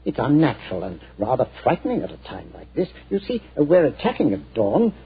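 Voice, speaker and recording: An actor playing a hearty army general in a 1940s radio drama, often hesitating with "uh". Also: male voice, medium pitch, wildly swooping pitch, a little fast, gravelly, a little hiss or hum. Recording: tinny old radio broadcast.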